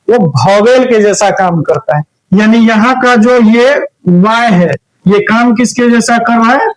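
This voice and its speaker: Bihari male teacher, very high voice, patient step-by-step explainer, keeps checking in with his students. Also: rough recording. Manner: explains step by step, often checks "any problem?". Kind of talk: recorded grammar lesson.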